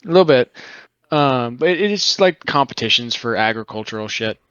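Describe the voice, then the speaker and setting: A man's voice: medium pitch, expressive, fairly quick, a bit bright, smooth, dry recording. Brief: young man from Montana, rambling profane storyteller, plain middle voice, slightly dull dry recording. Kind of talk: casual chat, storytelling.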